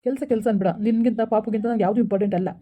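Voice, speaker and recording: A woman's voice: mid-range voice, fairly even intonation, racing, warm tone, close to an everyday voice. A woman voicing a doting, protective young husband who speaks insistently, with a rural Karnataka Kannada accent. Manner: pleading then insistent, calls her baby.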